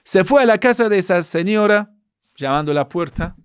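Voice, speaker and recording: A Persian-accented man from Iran teaching a religious lesson in storytelling form. He leans on repetition to drive points home, his voice a bit high for a man. The sound is close and dry, with no room around it. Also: animated, moderate pace, smooth, dry recording. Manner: earnest, repetitive emphasis with fillers.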